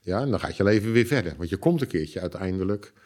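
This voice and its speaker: Guy interviewer, lowish voice, casual chatty questions, gently probing. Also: expressive, quick pace. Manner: gently probing, short acknowledgements.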